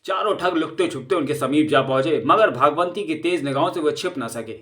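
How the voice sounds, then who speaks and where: A man narrating an audio comic story in a steady, expressive storytelling manner. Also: on the high side, brisk.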